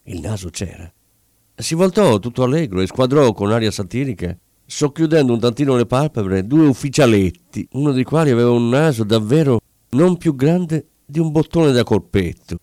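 A male audiobook narrator reads with lively, wide-ranging intonation and dramatic pauses. His voice sits at a middle pitch and sounds dry and close to the mic. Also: no echo. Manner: expressive, dramatic storytelling with pauses. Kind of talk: scripted narration.

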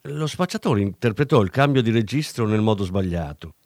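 A man giving a steady audiobook narration of a crime story. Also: fairly low pitch, a little fast, no room sound. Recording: dry studio sound with faint music.

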